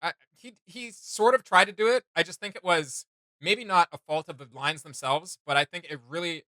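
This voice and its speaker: With a slightly high, sharp-toned voice and no room sound, a man hosts laid-back reaction commentary. His delivery is opinionated, emphatic and casual, and he stops and repeats himself a lot.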